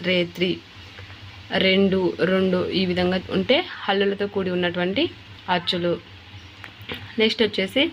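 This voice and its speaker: A woman's voice: medium pitch, a little hiss or hum. A woman teaching an exam-prep lesson, explaining step by step and repeating key terms.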